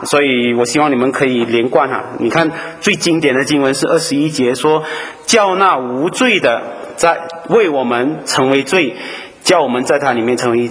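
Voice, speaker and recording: A man preaching a sermon, telling a story and acting out bits of dialogue, with many drawn-out "ah" fillers and little questions to the listeners. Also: medium pitch. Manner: animated storytelling, acts out dialogue, frequent "啊" fillers and tag questions. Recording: long hall reverb.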